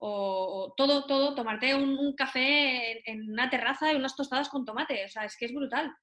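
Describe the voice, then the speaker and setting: A woman's voice: high-pitched, a bit bright. A woman from Valencia interviewing a guest in a playful, chatty way, firing off light questions. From Valencia, Spain. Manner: playful, chatty, quick to laugh. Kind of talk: casual interview chat. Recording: roomy echo.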